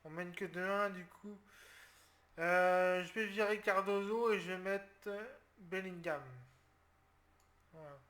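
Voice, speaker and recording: A man from France talks through a football video game match as he plays it. His voice is high and bright, and he sounds tense as he explains each tactical change, with sudden loud cries when a play goes wrong. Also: steady tone, takes it slowly, pauses often. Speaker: gaming video creator. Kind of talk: live football game commentary.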